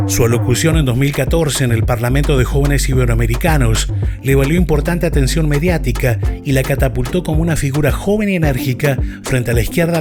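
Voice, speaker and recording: A man reads a formal, measured scripted narration as the program narrator. His voice sits at a mid pitch, and loud music plays clearly under him.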